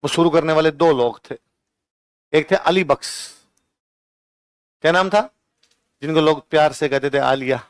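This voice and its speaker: A male teacher with a Rajasthani Hindi accent and a slightly high voice delivers an exam-prep lecture, rapidly posing questions and answering them himself. He then slows to dictate notes, repeating each line. The recording is dry and close, and his voice comes through clear and resonant.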